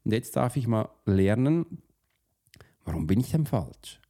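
A man's voice: lowish voice, very animated, a little slow, mellow. A man teaching about self-sabotage as a profiling coach, speaking straight to the listener with casual rhetorical questions and restarting words mid-sentence. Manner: informal, restarts mid-word. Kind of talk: motivational teaching monologue.

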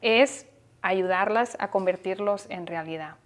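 A woman's voice: medium pitch, unhurried. A woman from Spain with a Spanish accent, co-hosting a television talk show in an earnest, motivational way. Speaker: co-host.

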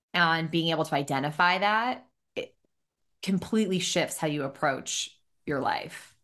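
A woman with a somewhat low voice hosts a podcast conversation. She talks emphatically and keeps affirming her guest. Her tone is casual and conversational. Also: a bit bright. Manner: emphatic, affirming, repeats "so good". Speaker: podcast host.

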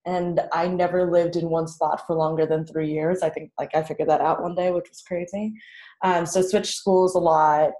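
A woman with a lowish, mellow voice, a flat delivery and a moderate pace appears as a songwriter guest whose first language is Vietnamese. She tells her story candidly and chattily, peppering it with "like" and little laughs.

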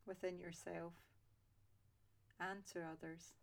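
Calm, low-pitched woman guiding meditation. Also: gravelly. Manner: slow, soft and calm with long pauses. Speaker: meditation guide. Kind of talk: guided loving-kindness meditation.

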